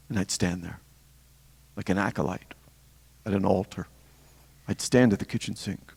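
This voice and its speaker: An older man, a deacon, giving a reflective spiritual talk with storytelling and pauses between phrases. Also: fairly low pitch, vocal fry, darkish tone, slightly rough. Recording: long hall reverb.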